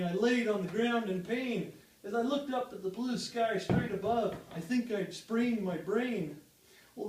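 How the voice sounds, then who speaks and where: A man in his thirties with a Western American accent and a folksy cowboy twang, reciting rhyming cowboy poetry in a dramatic storytelling way. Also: high-pitched. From Utah, United States. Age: 30s. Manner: animated, dramatic delivery. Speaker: cowboy poet. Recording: echoey room, distant microphone.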